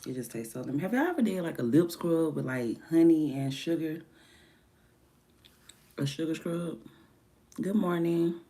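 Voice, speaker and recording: Fresh from sleep, a livestreamer and music artist chats casually from home on a morning stream, her voice deeper than usual. She rambles at normal speed with lively intonation and long pauses, drifting from soft murmurs into livelier bursts.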